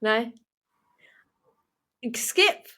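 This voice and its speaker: A woman hosting a casual interview, running quick quiz games and laughing often. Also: bright, forceful tone. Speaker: host.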